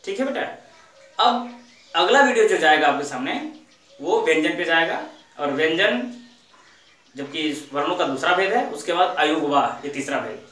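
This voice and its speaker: High, lively male teacher in echoey room. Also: normal speed, long pauses, distant mic. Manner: patient, repeats questions and answers them himself. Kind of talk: classroom grammar lesson.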